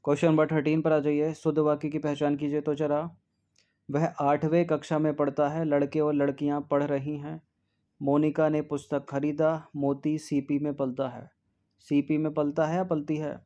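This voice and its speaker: A man working through test answers as a tutor, dwelling on each spelling and saying it twice. His voice sits a little high but stays flat and even. The tone is mellow and soft rather than bright. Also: highs cut off. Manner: drills spellings slowly, repeats words, frequent "ठीक है". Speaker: Hindi exam tutor. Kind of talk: test-series answer walkthrough.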